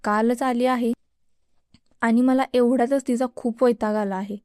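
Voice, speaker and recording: A woman's voice: on the high side, steady tone, measured pace, darkish tone, no room sound, studio quality, lightly acted. A woman voicing an irritable young male college student who snaps and grumbles. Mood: irritated. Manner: snapping and grumbling.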